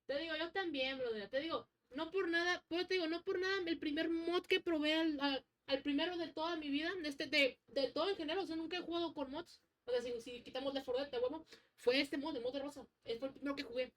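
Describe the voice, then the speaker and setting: A woman with a Mexican accent chatting casually as a streamer, excitable, slangy and rambling as she comments on a game. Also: sits high, quick pace.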